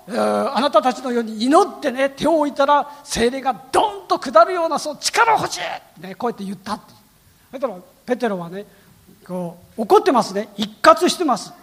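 A man preaches with a very high, breathy and husky voice. His pitch swings widely as he tells the story, and he keeps tagging his sentences with questions to the listeners. The sound has a long reverb, as if recorded in a large hall. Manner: frequent "ne" tag questions, lively storytelling. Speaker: pastor. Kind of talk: sermon.

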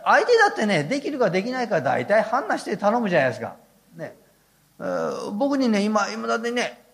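A man's voice: high voice, a bit bright. An older man, preaching a sermon as a pastor with folksy, humorous storytelling.

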